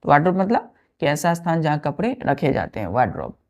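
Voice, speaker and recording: Brisk and sing-song, this teacher's voice sits low and has a slightly mellow quality. During a vocabulary lesson she counts aloud, spells each term letter by letter, says every word again, and repeatedly makes sure the class is keeping up.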